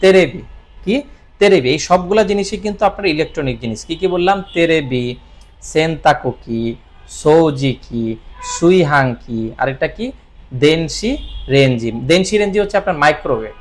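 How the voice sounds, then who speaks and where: A man teaching Japanese vocabulary in a casual lesson, often asking a question and repeating each word slowly. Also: fairly high pitch, animated. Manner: repeats words with quiz questions; draws out words slowly. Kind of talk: explanatory lesson.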